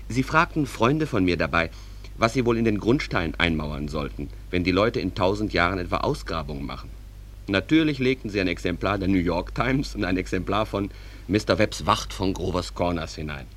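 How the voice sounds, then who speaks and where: This is a male actor with a low voice, playing a reflective, calm stage manager from a small town. He speaks to the audience of a German radio drama in a relaxed, conversational, unhurried manner.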